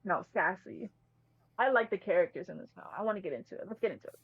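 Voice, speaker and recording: A woman's voice: mid-range voice, lively intonation, fast, breathy edge, no echo. Chatty woman on a muffled, dry mic. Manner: chatty, emphatic, slangy. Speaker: podcast co-host. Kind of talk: casual movie review chat.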